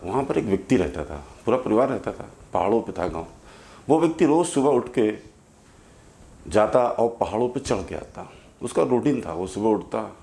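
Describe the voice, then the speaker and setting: An earnest young male teacher tells a moral tale to his students, addressing them directly as he goes. His voice sits low. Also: vocal fry, dark tone. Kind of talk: storytelling during a school lesson.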